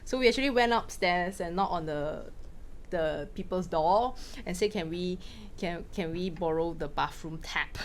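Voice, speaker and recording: A woman from Malaysia, a film director, answering questions in a casual talk with quick anecdotes and frequent laughs. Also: lowish voice, a little hiss or hum. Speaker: film director giving a masterclass.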